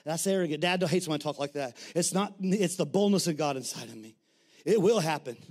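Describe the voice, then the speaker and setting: A middle-aged man preaching a sermon as pastor, blunt and colloquial, often shouting. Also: on the high side, fast talker.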